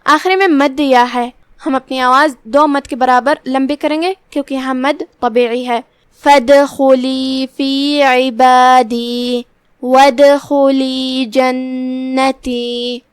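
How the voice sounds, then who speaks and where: A woman teaches Quran recitation with patient, methodical explanations. Her voice sits high and smooth. The recording is close and dry. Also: a bit bright, dry recording. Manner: methodical, explains each letter then recites slowly. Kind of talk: tajweed lesson with slow recitation.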